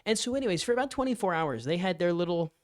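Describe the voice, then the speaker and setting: A man giving a political opinion monologue, emphatic and sarcastic, mocking opponents in high put-on voices. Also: lively intonation, quick pace, no room sound, clean studio sound. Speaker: political commentator.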